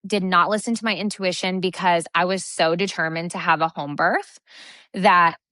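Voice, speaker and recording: A woman in her thirties, a podcast guest telling a personal story in a lively, chatty way, often saying "like". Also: fairly low pitch, normal speed, dry recording. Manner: animated, lively storyteller who acts out quoted dialogue, many fillers like "like". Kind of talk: casual storytelling interview.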